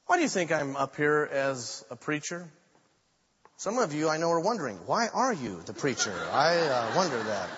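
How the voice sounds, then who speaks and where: A man's voice: on the high side, lively intonation, moderate pace, husky. Dramatic preacher man in a reverberant hall. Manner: dramatic storytelling preacher, swinging from loud to hushed. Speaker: pastor. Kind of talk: sermon. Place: church sanctuary. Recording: muffled sound with long reverb in a large room.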